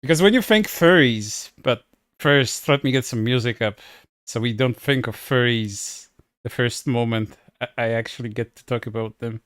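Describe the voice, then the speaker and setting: A man's voice: medium pitch, moderate pace, fairly bright tone, no echo, studio quality. A man chatting casually on a livestream, speaking bluntly and crudely in a scornful way into a headset mic.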